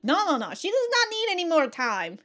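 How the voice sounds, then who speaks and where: Hosting a reaction segment, a woman comments in an excitable, casual way, swearing freely and breaking into frequent laughter. Her voice is very high-pitched and a little fast.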